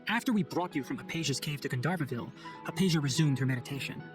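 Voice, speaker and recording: For a video game cutscene, a man plays an earnest young forest ranger, speaking quickly in a fairly high male voice close to an everyday one. His phrasing is formal and articulate, his manner composed and scholarly, with music underneath. The mood feels composed yet urgent.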